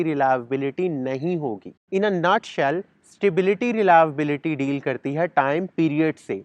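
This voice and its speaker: Outdoors in a garden, a man with a rather high voice gives an explanatory sociology lecture, slipping English terms into his speech and repeating key words. The audio is dull with no echo.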